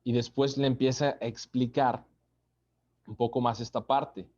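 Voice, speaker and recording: A man giving a conversational Bible study sermon, unhurried, often checking in with listeners through tag questions. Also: mid-range voice, level tone, darkish tone, muffled recording.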